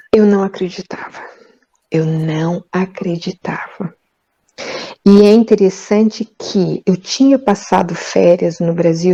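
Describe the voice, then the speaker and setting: A woman's voice: on the low side, warm tone. Older Brazilian woman telling her story. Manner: repeats words, acts out dialogue. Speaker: interview guest. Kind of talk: emotional personal storytelling. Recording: dull lo-fi audio.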